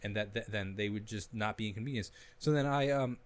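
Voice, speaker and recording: A young man, a musician guest on a podcast, telling his story in a casual, animated way with frequent restarts. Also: on the low side, fairly quick, slight background noise. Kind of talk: casual conversation.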